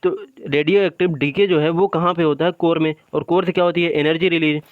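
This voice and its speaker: Speaking quickly with fairly even intonation, a man whose voice is a little high teaches an exam-prep class. He drills terms with repeated Q&A, walks through a drawing step by step, and tacks "ठीक है" onto almost every point. The sound is phone-quality with no room sound.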